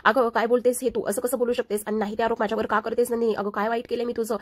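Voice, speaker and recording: A woman's voice: on the high side, little pitch movement, racing, no echo, natural voice. A woman reading the lines of a scheming older woman who plays the victim and whines. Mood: whining. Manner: whining, self-pitying.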